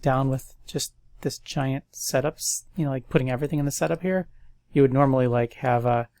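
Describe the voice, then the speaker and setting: This is a relaxed screen-recorded coding tutorial: a stuffy-nosed man chats casually, thinking out loud as he goes. His voice is medium-pitched and creaky, recorded with no room sound.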